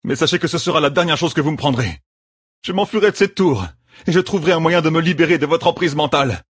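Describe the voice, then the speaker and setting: A man voicing a desperate, defiant young male gambler who shouts heatedly. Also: mid-range voice, lively intonation, normal speed, husky, no room sound, clean studio sound, pitched above the performer's own voice. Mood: furious.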